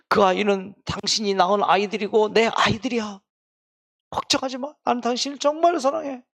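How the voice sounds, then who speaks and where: A husband breaks down in tears on the phone, his voice pitched up and straining with love as a man lecturing puts him on. There is a rough, gravelly grain under the sobs. He pleads gently and keeps reassuring. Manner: sobbing, pleading, rising emotional. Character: tearful loving middle-aged husband on the phone.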